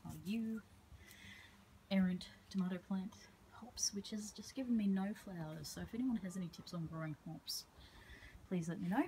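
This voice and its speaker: A woman's voice: mid-range voice, normal speed, mellow, slight background noise, poor audio. A woman, a herbalist giving a casual tour of her outdoor garden, talking into a handheld phone in a rambling way with frequent ums.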